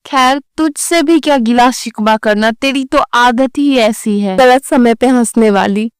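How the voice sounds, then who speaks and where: A woman voicing a patient middle-aged mother-in-law in a cartoon story, who scolds her daughter-in-law gently. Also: on the high side, unhurried, clean tone, no echo, studio quality, close to an everyday voice. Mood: scolding.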